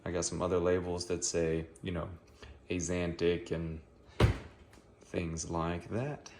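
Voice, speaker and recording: Speaking slowly in a low voice with fairly even intonation, a man who makes and sells DIY builds explains his project step by step in a casual way. Background noise can be clearly heard.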